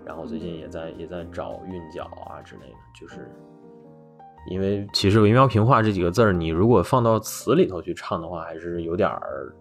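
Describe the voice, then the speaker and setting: Low-voiced man chatting casually. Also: a little fast, faint music behind. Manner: rambling, relaxed, many fillers. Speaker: podcast host. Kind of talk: casual chat about hip-hop.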